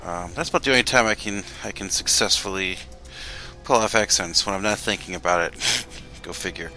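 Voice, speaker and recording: A gameplay streamer talks casually as he plays live, rambling, putting himself down, and often trailing off mid-sentence. His voice is low and brisk with a sharp tone, and soft music plays in the background.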